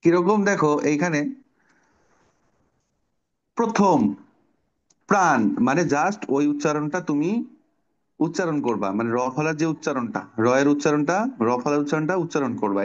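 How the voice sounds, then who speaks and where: A man's voice: fairly high pitch, moderate pace, long pauses. Patient male language teacher, lo-fi call. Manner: patient, explains pronunciation step by step, asks questions. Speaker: Bangla teacher. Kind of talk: online class lesson.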